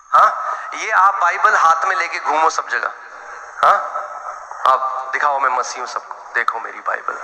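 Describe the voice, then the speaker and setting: A man's voice: a little high, pushed and bright. A man preaching a sermon as pastor, blunt and direct, calling out questions to the congregation. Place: church hall. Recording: echoey hall, long reverb.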